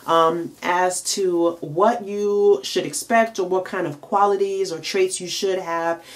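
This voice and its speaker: A tired, congested woman who works as a makeup and nail artist talks to camera in a casual advice vlog about careers. Her lowish voice stays steady and slow, and her chatty delivery is full of fillers and emphatic rhetorical questions.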